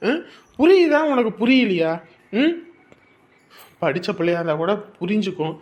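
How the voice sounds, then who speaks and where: A man's voice: high voice, lively intonation, normal speed. A man playing a stern, lecturing husband. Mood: angry scolding. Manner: lecturing, repeats himself, grows harsh. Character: stern young husband, stubborn, scolding his wife. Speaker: husband leaving home for work. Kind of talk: Tamil family drama acting.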